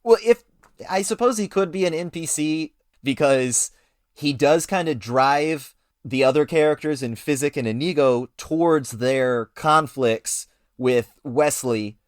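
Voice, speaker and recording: A man's voice: on the high side, unhurried, dry recording, clean studio sound. A man co-hosting a podcast, chatting playfully about tabletop games and steering the discussion along. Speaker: podcast co-host.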